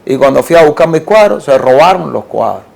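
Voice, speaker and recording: A man from Cuba with a Cuban Spanish accent, telling an animated story as an interview guest, with halting restarts and repeated words. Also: a little high, vocal fry. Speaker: interview guest, art collector.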